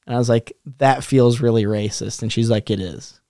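A man's voice: medium pitch, fairly even intonation, brisk, warm tone, clean tone. A man guesting on a podcast, telling stories in casual banter and laughing often. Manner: laughs often, tells stories with quoted voices. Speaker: guest comedian and barber.

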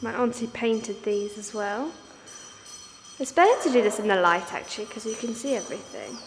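A woman's voice: on the high side, animated, moderate pace, in a large hall, noisy background. A woman vlogging casually as she gives a house tour, chatty and gushing. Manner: chatty, gushing, says "so cool" often. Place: indoors at a house.

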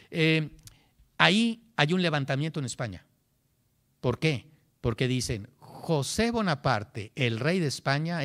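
Animated man lecturing on history. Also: a little high. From Mexico. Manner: animated, frequent "¿sí?" check-ins, acts out historical voices; repeats words while searching, restarts. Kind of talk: classroom lecture.

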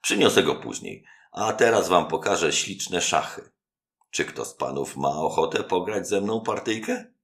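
A man's voice: low-pitched, very animated, moderate pace, a bit bright, pitched above the performer's own voice, full character voice. A man voicing a poor young cavalier who speaks boldly, with feigned surprise. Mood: feigning. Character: poor young cavalier, sly chess winner.

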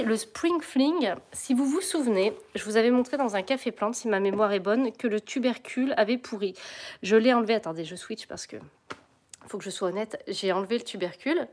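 A middle-aged woman hosting a casual plant live stream, chatty and bubbly, laughing often and greeting viewers as she goes. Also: medium pitch.

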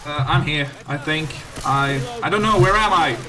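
A man hosting a casual game playthrough, talking excitably, exclaiming and swearing at the action. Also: a little high, normal speed. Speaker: host. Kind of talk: let's play gaming commentary. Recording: game music loud behind voice.

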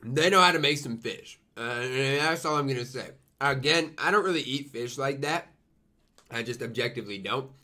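In a small room at home, a young man chats through a food review to camera at normal speed, his medium-pitched voice bright and forceful. He keeps eating while he talks, hums "mm" in approval, and repeats himself emphatically for effect.

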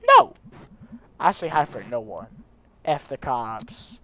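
A man's voice: medium pitch, sing-song, slow pace, fairly bright tone, highs cut off, pitched below the performer's own voice, heavily acted. Man voicing a snarky young game cat. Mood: sarcastic. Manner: snarky, blunt. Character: sarcastic young cat, rebellious, animated game.

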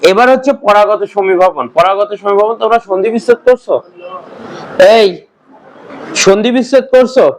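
Male grammar teacher with a strikingly high voice; patient classroom lecturer who quizzes his students and answers himself. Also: moderate pace, pauses often, a little hiss or hum, rough recording. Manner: patient step-by-step explaining.

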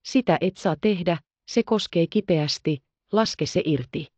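A woman voicing an excitable, tender-hearted little orphan girl in an audiobook, exclaiming and pleading. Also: fairly low pitch, breathy edge, no echo. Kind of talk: audiobook character reading.

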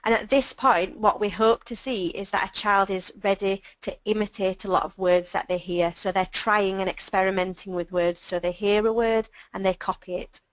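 Woman calmly presenting a webinar. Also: mid-range voice, moderate pace, hardly any pauses, no room sound, low-quality recording. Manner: clear, patient explaining with examples. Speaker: speech and language presenter.

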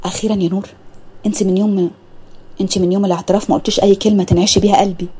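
A confident young male surgeon speaks smoothly and reassuringly in an Egyptian accent, as a woman voices him. His voice is dark and husky. He talks very fast in this storybook reading. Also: mid-range voice, level tone. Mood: affectionate. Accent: Egyptian Arabic.

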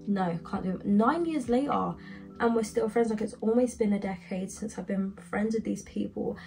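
Gravelly-voiced young woman vlogger. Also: mid-range voice, steady tone, a little fast, dark tone, soft background music. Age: young adult. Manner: rambling, heavy use of "like". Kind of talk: casual storytime chat.

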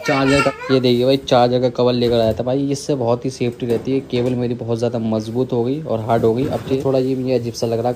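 Background noise sits behind this young vlogger's mid-range male voice. Chatty throughout his casual daily vlog, he keeps referring to viewers as "brother," shooting on a phone held at arm's length from a rooftop outdoors and a small room at home.

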